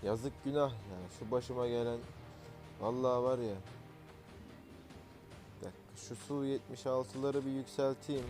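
A man's voice: medium pitch, steady tone, moderate pace, long pauses, music in the background. A man hosting casual gameplay commentary, talking in an exasperated, grumbling and slangy way while he plays. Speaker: gaming channel host.

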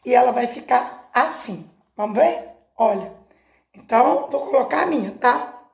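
This craft channel host has a gravelly voice on the high side, expressive and unhurried. Working with her hands indoors at home, she chats through a casual tutorial on a home craft, explaining each step and asking the viewer questions.

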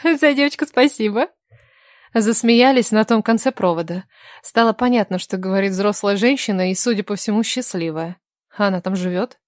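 A woman narrating a romance audiobook in a measured, even storytelling manner. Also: mid-range voice, dry recording, studio quality. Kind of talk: scripted narration.

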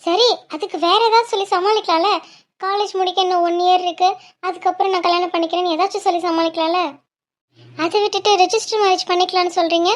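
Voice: extremely high pitch, fairly even intonation, quick pace. A woman voicing a cautious, sincere young college student in a cartoon, reasoning earnestly and pleading through tears. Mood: firm.

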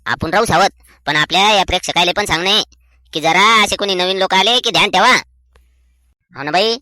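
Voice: mid-range voice, pushed and bright, no room sound, lightly acted. An actor voicing a chatty village woman neighbour. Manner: chatty, scornful gossip. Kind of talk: cartoon voice acting.

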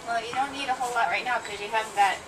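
Reassuring woman, slightly high voice, distant. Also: racing. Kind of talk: casual chat. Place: small hospital room. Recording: noisy, distant phone video.

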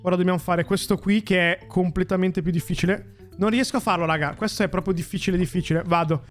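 A man doing casual gameplay commentary for viewers, excitable and often shouting when a shot works. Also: high voice, fast talker, faint music behind. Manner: excitable, shouts and cheers at successes; addresses viewers as raga and ragazzi. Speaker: gaming YouTuber.

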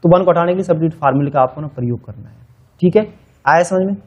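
A man's voice: a little high, racing, husky, dull audio. A man teaching a spreadsheet tutorial in a casual, chatty way, talking through each step as he types and correcting himself as he goes. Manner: casual, conversational, thinking aloud while typing. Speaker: Excel instructor. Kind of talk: screen-share tutorial.

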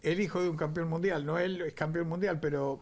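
A man's voice: fairly high pitch, fairly even intonation, brisk, darkish tone. An older man with a Uruguayan accent hosting a TV sports talk show, chatty and reminiscing, speaking into a headset mic in a studio. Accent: Uruguayan Spanish. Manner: chatty, reminiscing, lots of fillers. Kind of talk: casual studio interview. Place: TV studio set.

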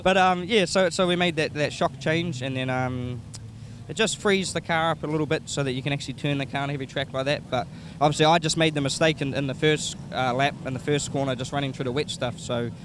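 A man's voice: fairly high pitch, fast talker, fairly bright tone. A man with a broad New Zealand accent, a racing driver chatting casually in a post-race interview. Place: outdoors in speedway pits. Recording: noisy outdoor pits, vehicles behind.

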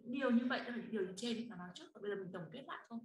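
Racing along in a fairly high voice, this woman gives online language instruction, patiently walking through grammar and calling on students to read and respond. There's a roomy echo with faint noise in the recording.

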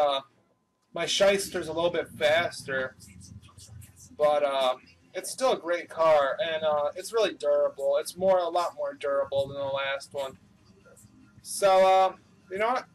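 A young man hosting his own gaming channel, chatting casually and swearing as he plays, with excited outbursts, recorded through a webcam microphone. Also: fairly high pitch, measured pace. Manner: loose and profane, with excited outbursts. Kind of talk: casual gameplay commentary.

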